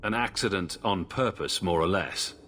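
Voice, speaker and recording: Dry, sardonic adventurer hero. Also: male voice, low-pitched, normal speed, a bit bright, slight background noise. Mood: dry, composed. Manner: dry, sarcastic. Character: wry, self-assured heroic adventurer, sardonic. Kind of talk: video game voice acting.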